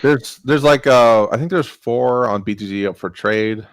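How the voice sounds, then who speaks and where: A man's voice: mid-range voice, normal speed, clear, resonant tone. A man casually explaining board game rules, rambling with many fillers.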